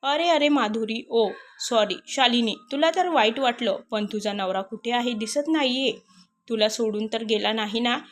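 A woman's voice: fairly high pitch, normal speed, a little hiss or hum, close to an everyday voice. A woman voicing a teasing young male boss. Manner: playful, pushy, chatty. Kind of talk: storybook narration.

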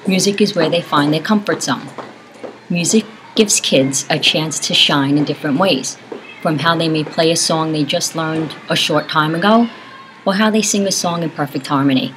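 A woman's voice: low voice, moderate pace, fairly bright tone, a little hiss or hum, low-quality recording. A middle-aged woman, a school parent, speaking earnestly to the camera in a classroom. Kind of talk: scripted talk to camera.

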